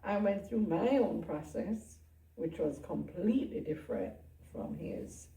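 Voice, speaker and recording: A woman pastor speaks candidly and softly in an interview, her voice warm and mellow. She is picked up from a distance in a reverberant room. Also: lowish voice, expressive, measured pace. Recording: roomy sound from a distant mic.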